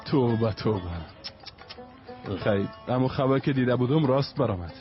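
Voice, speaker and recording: An actor playing a chatty, gossiping son-in-law who tries to calm his father-in-law, in a dubbed TV drama. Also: medium pitch, lightly acted. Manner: chatty, placating. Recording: dull lo-fi dubbed film audio with music.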